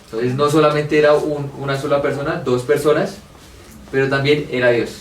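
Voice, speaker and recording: A man's voice: mid-range voice, fairly even intonation, brisk. A man from Colombia teaching a church theology class, earnest and thinking aloud, acting out both sides of a debate. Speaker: Bible study teacher. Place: church meeting room. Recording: echoey room from far off, faint hiss.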